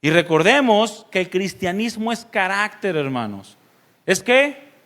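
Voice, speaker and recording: A man's voice: sits high, animated, normal speed, fairly bright tone. A man from Mexico preaching a sermon as pastor, talking conversationally, putting questions to the congregation and playfully imitating other people's voices.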